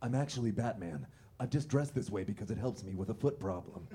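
A man playing a grim, self-serious vigilante hero in a low gravelly growl for a comedy script reading. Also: expressive, fairly quick, crowd noise, natural voice. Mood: grim deadpan. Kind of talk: comedy script read-through.

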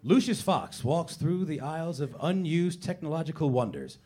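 A man narrates a comedy script, reading out the stage directions. His voice is on the high side and very animated. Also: moderate pace.

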